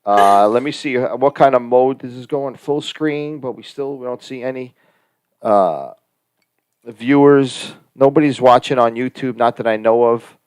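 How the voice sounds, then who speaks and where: A man with a thick New Jersey Italian-American accent chats on a live stream, rambling through his stories with plenty of fillers and restarts. His voice sits at a middle pitch. The sound is dry and close, with no room echo. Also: a little slow, a little mellow, clear, resonant tone. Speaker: co-host and actor. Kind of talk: casual live-stream chat.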